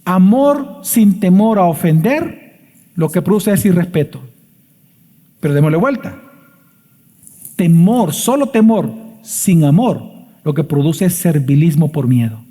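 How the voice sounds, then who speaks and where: A man's voice: sits high, expressive, a little slow, pauses often, dark tone. A man, a pastor preaching an emphatic sermon full of rhetorical questions in a church sanctuary. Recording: long church reverb.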